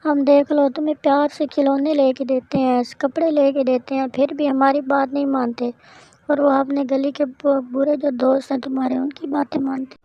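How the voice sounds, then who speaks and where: A woman's voice: high-pitched, little pitch movement, dry recording. A woman voicing a scolding mother in a cartoon story, lecturing and repeating herself. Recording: dull lo-fi dry recording.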